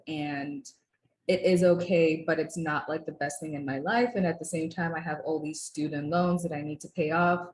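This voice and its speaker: A young woman from Uganda speaks in a low, easy voice, sharing her own story in a relaxed testimonial. She talks conversationally, often pausing on fillers and starting sentences over. The room has a noticeable echo, with a faint hum of ambience behind her. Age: 20s. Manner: conversational, many fillers and restarts. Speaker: client giving a testimonial. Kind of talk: casual testimonial interview.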